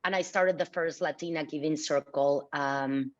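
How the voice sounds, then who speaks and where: A woman's voice: low voice, fairly even intonation, normal speed, dull audio. A middle-aged woman from Mexico City with a Mexican accent, the guest of a virtual fireside chat, talking reflectively with many fillers. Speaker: guest speaker.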